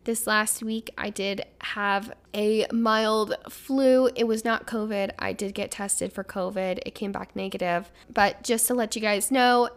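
A woman with a medium-pitched voice speaks in a fairly even, unhurried way with few pauses and a clean tone. She hosts a casual podcast, chatty and upbeat, telling rambling stories while her voice sounds a little stuffy as she recovers from the flu.

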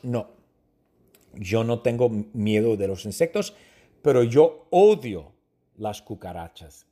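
A man giving a slow lesson, answering his own numbered questions and repeating phrases plainly. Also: medium pitch, darkish tone. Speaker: language teacher. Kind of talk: slow Spanish lesson monologue.

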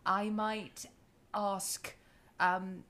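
A woman voicing a polite, formal negotiator who talks in elaborate, halting courtesies. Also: medium pitch, flat delivery, a bit bright. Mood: courteous.

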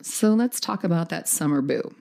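A woman with a mellow voice and plenty of fry delivers scripted relationship advice. She sounds upbeat and encouraging, laying out her points tidily as a podcast host. Her pitch sits on the low side. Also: lively intonation, moderate pace. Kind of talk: scripted dating advice talk.

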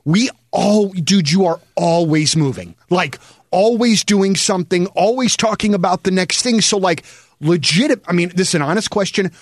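A man's voice: sits high, normal speed, dry recording, studio quality. A man hosting a podcast, chatting loosely with lots of "like" and "man". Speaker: podcast host. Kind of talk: casual chat.

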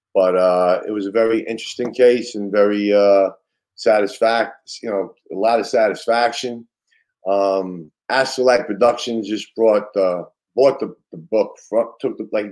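A man's voice: fairly low pitch, darkish tone. An older or middle-aged man with a Brooklyn accent, casually reminiscing as an interview guest in a streetwise, loosely phrased way. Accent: Brooklyn New York. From Brooklyn, New York. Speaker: interview guest, retired police detective.

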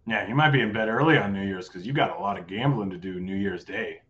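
Guy hosting a betting stream, low voice, kinda hoarse, casual and jokey, muffled audio. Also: a bit bright. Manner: casual, joking, quick rundown of picks. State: voice going hoarse. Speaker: sports betting show host. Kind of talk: live betting show chat.

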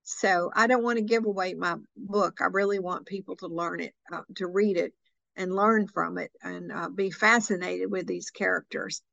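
A woman's voice: fairly low pitch, fairly even intonation, normal speed, gravelly, a bit bright, no room sound, highs cut off. A woman with an Arkansas Southern accent, telling stories conversationally and emphatically as an author being interviewed. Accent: Arkansas Southern American. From Arkansas, United States. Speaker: author interviewed about a book.

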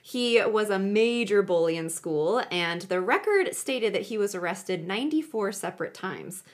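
A woman's voice: mid-range voice, lively intonation, normal speed. A woman hosting a podcast, narrating true crime in a chatty, conversational way with joking asides. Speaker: podcast host.

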